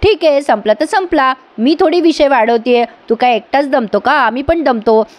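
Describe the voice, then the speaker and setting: Brief: woman voicing a quarrelsome teasing wife, bright-ish pitch. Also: normal speed, lightly acted. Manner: mocking, needling. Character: sharp-tongued young wife, teasing and quarrelsome.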